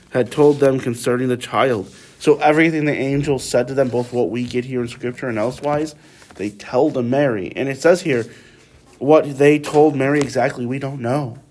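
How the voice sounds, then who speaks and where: A man with a mid-range, slightly mellow voice leads a casual Bible study. He talks conversationally and often checks in with his listeners using tag questions.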